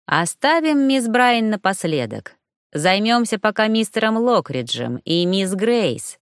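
A woman's voice: medium pitch, very animated, unhurried, smooth, no room sound, studio quality. A woman reading the part of a scheming male sorcerer villain, drawling and coldly mocking.

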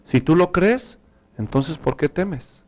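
A male pastor delivers a sermon in a notably high, bright-pitched voice. He weaves scripture and a family story together with earnest conviction. His delivery is animated, rising higher whenever he stresses a point. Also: slow.

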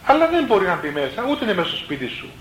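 High-voiced priest giving a sermon. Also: male voice, huge pitch swings, a bit bright. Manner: plain teaching tone, peppered with "let's say" asides and self-corrections. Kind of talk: spoken sermon on spiritual life. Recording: roomy echo, faint background noise.

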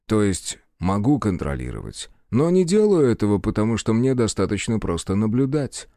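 A secretive hacker, voiced by a male reader, speaks slowly in a calm, polite and measured way. His voice sits fairly low but moves with life, and the recording is close and dry. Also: no room sound.

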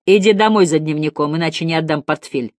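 A woman's voice: deep voice, fast talker, a little mellow, dry recording, studio quality, close to an everyday voice. A woman voicing a stern, furious male geography teacher in an audiobook.

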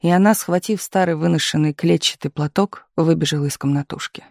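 A man reading a novel aloud in an even, measured narrating voice. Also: fairly high pitch, creaky, dry recording, studio quality. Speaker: audiobook reader. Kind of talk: scripted narration.

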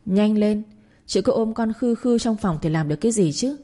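A woman voicing a bossy older mother-in-law who scolds in a shrill, accusing voice. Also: moderate pace, dark tone, lightly acted. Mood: scolding. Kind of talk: audio story reading.

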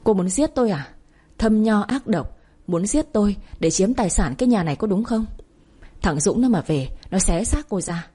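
A woman voicing a spiteful older mother-in-law who scolds, accuses and wails in a shrill voice. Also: lively intonation, normal speed, dark tone, breathy edge. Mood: scolding.

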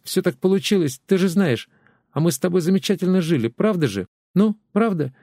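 A man voicing a tearful young wife who pleads with her husband, talking fast and breathless, in a dry close recording. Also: on the high side, gravelly, darkish tone, no echo, voice pushed up. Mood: pleading.

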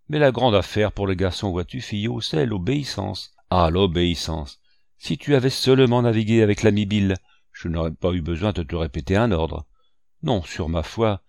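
A man's voice: fairly low pitch, creaky, darkish tone, no room sound, clean studio sound. A man voicing a sly wheedling old pirate. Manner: sugary and mocking. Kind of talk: audiobook character voice.

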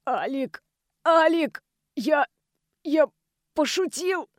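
A woman's voice: high voice, lively intonation, very slow, no echo, clean studio sound, full character voice. A woman reading an audiobook, voicing an arrogant, crude young male student who sneers and taunts. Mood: stammering scared.

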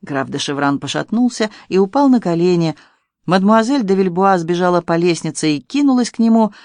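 Brief: steady audiobook narrator, mid pitch, dry close studio sound. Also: fairly quick, no room sound. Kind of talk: scripted narration.

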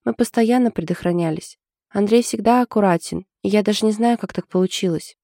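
An anxious young woman in love, confiding her trouble in a hesitant way, as a woman reads her part. The voice is mellow and dark. It sounds dry and close. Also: mid-range voice, brisk, no room sound, close to an everyday voice.

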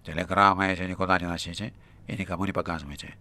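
A man's voice: low-pitched, fairly even intonation, very fast, pushed and bright, pitched below the performer's own voice, full character voice. A man voicing a vile, menacing man with a nasal voice on the phone in an audiobook. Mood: sneering.

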